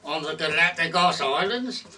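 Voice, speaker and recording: Man as a squeaky, cheeky tortoise ventriloquist dummy. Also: lively intonation, normal speed, bright, forceful tone. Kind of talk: comic puppet stage patter. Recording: distant camera microphone.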